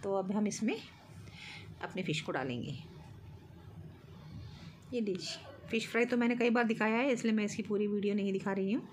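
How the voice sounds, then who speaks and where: A woman's voice: medium pitch, moderate pace, pauses often, slight background noise. A middle-aged woman vlogging in her home kitchen, casually explaining each cooking step with light laughs.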